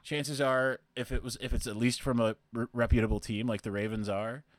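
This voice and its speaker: A man's voice: medium pitch, little pitch movement, fairly quick, no room sound. A young man hosting a podcast, casually answering listener questions in a rambling way. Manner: rambling, with fillers and restarts. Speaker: podcast host.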